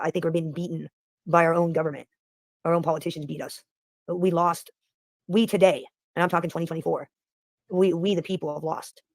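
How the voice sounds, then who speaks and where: A man's voice: on the high side, gravelly, dry recording. An American man hosting a livestream, rambling through a profane, opinionated political rant in casual chat. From United States. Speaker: livestream host.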